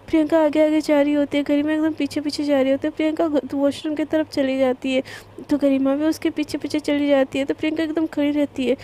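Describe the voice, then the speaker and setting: High, flat-voiced woman telling a story. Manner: chatty, fillers like "ना" and "एकदम". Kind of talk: casual spoken story narration.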